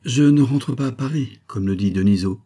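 A man's voice: mid-range voice, normal speed, mellow, husky, voice pushed up, natural voice. A man voicing a stiff, proud army colonel in an audiobook, clipped and restrained.

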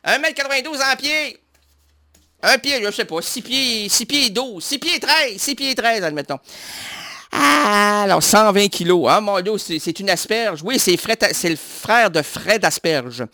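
A man's voice: high-pitched, animated, unhurried, pushed and bright, no room sound, clean studio sound. A man hosting a radio show in a playful, joking, chatty way. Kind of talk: casual radio chat.

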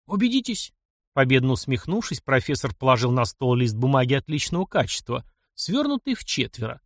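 A man narrating an adventure audiobook with an expressive storytelling manner. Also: mid-range voice, fairly quick, no room sound, clean studio sound. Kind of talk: scripted narration.

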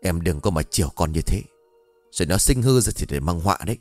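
Stern old dad guy voicing him, low quiet held-back voice. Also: lively intonation, fast, dry recording, faint music behind. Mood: stern warning. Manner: quiet, restrained. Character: older stern father, restrained grief.

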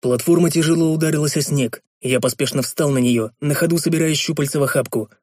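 A man narrating a fantasy audiobook, switching to intense shouting in his hero's lines. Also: on the high side, quick pace, no echo, studio quality.

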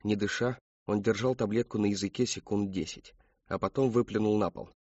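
A man reading an audiobook in a measured, even scripted narration, in a slightly muffled recording. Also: fairly low pitch, husky, no echo.

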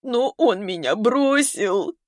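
A man reading an audiobook, voicing a tearful young woman who wails and sobs in a high voice. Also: animated, rapid-fire, a little mellow, dry recording, studio quality, lightly acted. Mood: wailing. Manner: high, wailing and breathless. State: sobbing. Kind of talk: audiobook character voice.

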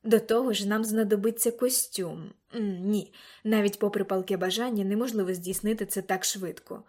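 A woman reading an eager, excitable old grandfather in an audiobook, bursting into loud exclamations. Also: mid-range voice, moderate pace, lightly acted. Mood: pondering.

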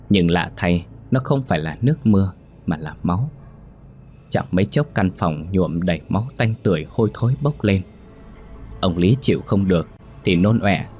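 A man narrating a scripted ghost story in a steady, somber way. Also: low-pitched.

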